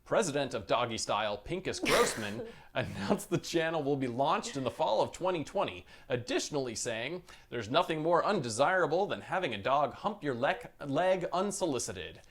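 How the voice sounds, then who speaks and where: Man doing a mock TV news anchor, deadpan, measured newsreader delivery, lively pitch, comedy podcast bit.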